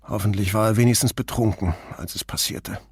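Male reader doing a worn, low-voiced bartender; hushed, gritty. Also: a little fast, husky, no room sound, clean studio sound. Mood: sorrowful. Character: sorrowful male barman, Ruggiero.

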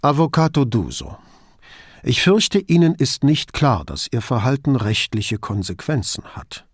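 A man's voice: mid-range voice, big pitch swings, unhurried, breathy edge, no echo, studio quality. A male reader voicing a composed police commissioner who speaks formally and firmly. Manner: formal, firm.

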